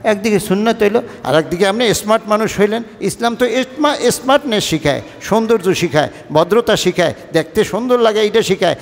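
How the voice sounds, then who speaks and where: High-voiced preacher quizzing his congregation. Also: expressive, quick pace, few pauses, big-room sound. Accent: Bangladeshi Bengali, Barishal. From Barishal-Patuakhali region of Bangladesh. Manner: conversational, quizzes the congregation with questions; mixes colloquial and formal speech. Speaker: imam preaching. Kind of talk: Friday sermon.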